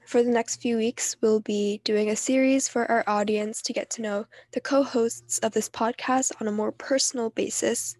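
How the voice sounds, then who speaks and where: Teen girl podcaster, kinda nasal, highish voice, dry close mic, chill and open. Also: fairly even intonation, moderate pace, few pauses, a little mellow, no echo. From New Jersey. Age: teens. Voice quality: nasal from allergies. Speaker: podcast co-host. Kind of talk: personal podcast monologue.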